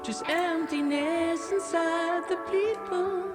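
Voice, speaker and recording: A woman's voice: very high-pitched, takes it slowly. A woman singing and half-speaking on a played record, her vocal chopped up with abrupt stutter edits. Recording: vocal in a music track, loud music behind. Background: loud band with guitar.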